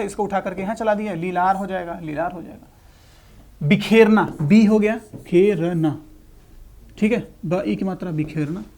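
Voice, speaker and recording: A man teaching a shorthand lesson, breaking words into syllables and repeating them patiently. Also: high-pitched. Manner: patient, explanatory, checks in with "ठीक है". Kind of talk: classroom lesson.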